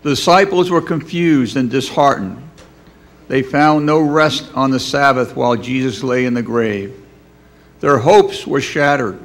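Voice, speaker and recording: Male narrator for scripted Bible drama. Slow, solemn, declamatory delivery. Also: mid-range voice.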